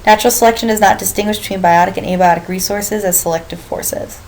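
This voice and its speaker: A woman's voice: medium pitch, fairly even intonation, fast, a little mellow, a little hiss or hum, rough recording. Woman giving a biology lecture. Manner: explanatory, asks the class questions and reminds them of earlier material. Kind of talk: classroom lecture.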